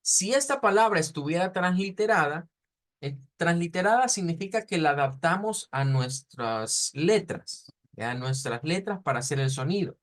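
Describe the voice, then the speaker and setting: Man, language teacher, slow repetitions, a bit high-pitched. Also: lively intonation. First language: Spanish. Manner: patient, explanatory, repeats sounds slowly to model pronunciation. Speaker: German teacher. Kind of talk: online language lesson.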